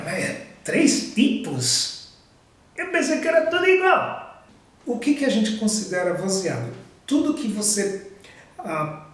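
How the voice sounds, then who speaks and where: Patient teacher in an echoing room. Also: male voice, sits high, a little mellow. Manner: slow, patient, repeats example words. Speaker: English teacher. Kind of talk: pronunciation lesson. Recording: very echoey room, distant mic.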